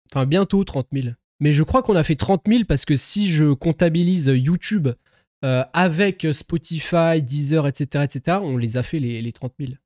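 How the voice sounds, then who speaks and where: A man's voice: on the high side, darkish tone, no echo, studio quality. A young man chatting casually on a live stream, rambling with many fillers, swearing and laughing at himself.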